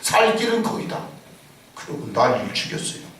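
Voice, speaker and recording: A man preaching a Sunday sermon as senior pastor, emphatic and dramatic, firing rhetorical questions at his congregation and sometimes shouting. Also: a little high, sing-song, normal speed, a little hiss or hum. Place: church sanctuary. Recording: echoey hall, distant mic.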